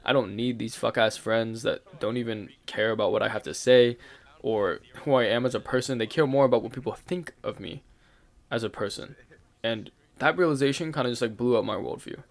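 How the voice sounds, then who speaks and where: Speaking a little fast in a mid-range voice, a young channel host rambles through a casual personal story. He's candid, uses fillers and swear words, and laughs occasionally along the way.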